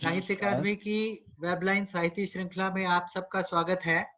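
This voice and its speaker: A man hosting an online literary event, introducing poets with measured, formal announcing. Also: sits high, little pitch movement, pushed and bright. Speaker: host. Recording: dull lo-fi online audio.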